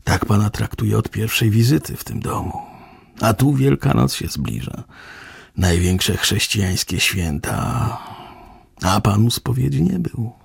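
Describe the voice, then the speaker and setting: A man reading as a soft-spoken pleading young priest. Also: on the low side, animated, measured pace, vocal fry, slightly rough, dry recording, clean studio sound, heavily acted. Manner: quiet, pleading, half-whispered. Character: anguished young male village curate.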